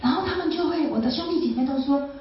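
A woman's voice: sits high, quick pace. A woman gives an emotional personal testimony, repeating phrases and asking her listeners rhetorical questions. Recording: very echoey, distant, slightly dull sound.

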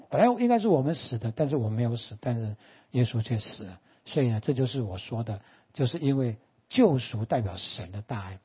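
A man pastor, preaching a sermon in a church and telling stories in an animated way. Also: on the low side, husky, muffled recording. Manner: animated storytelling, acting out quoted lines.

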